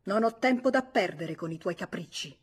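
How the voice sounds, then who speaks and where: A woman's voice: medium pitch, lively intonation, normal speed, slightly rough, soft background music. A woman voicing a cold, callous young man who answers curtly and with contempt, in a radio audiobook reading. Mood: cold, contemptuous. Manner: curt, contemptuous.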